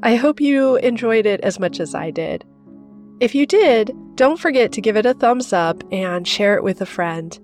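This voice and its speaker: A woman hosting a horror story channel, narrating in a steady, measured storytelling voice. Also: fairly high pitch, soft background music.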